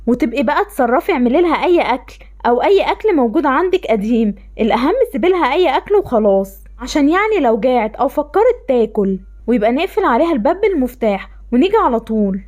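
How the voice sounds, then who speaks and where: A woman's voice: sits high, sing-song, fast talker, darkish tone. A woman with an Egyptian accent voicing a cold, dismissive father in a voiced game-animation story, speaking in a scornful manner. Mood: harsh. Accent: Egyptian Arabic.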